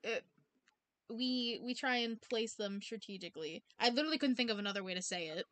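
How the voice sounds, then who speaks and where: A woman hosts a casual podcast, trading playful, scolding banter with her co-hosts. Her voice is bright and forward, and the close mic sounds dry, with no room around it. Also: fairly high pitch, a little fast, no echo. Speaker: podcast host.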